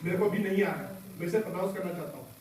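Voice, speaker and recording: A hoarse man leading a school workshop, quizzing pupils with call-and-response questions in a classroom. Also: high-pitched, rapid-fire, a little mellow, distant mic, a little hiss or hum. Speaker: workshop trainer. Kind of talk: classroom talk to students. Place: large echoing school classroom. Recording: echoey classroom taped from afar, student chatter. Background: students murmuring.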